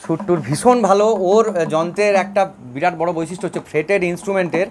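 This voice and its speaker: Chatty, somewhat high-voiced man from West Bengal. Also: fast, slight background noise. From Bankura district, West Bengal, India. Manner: rambling and chatty, many fillers. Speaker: instrument owner giving a review. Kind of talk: casual spoken review.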